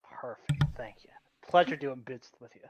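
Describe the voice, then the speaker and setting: A man's voice: medium pitch, brisk, husky, no room sound. A man playing in a tabletop game, bantering wryly in casual chat. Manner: wry, joking banter. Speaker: player.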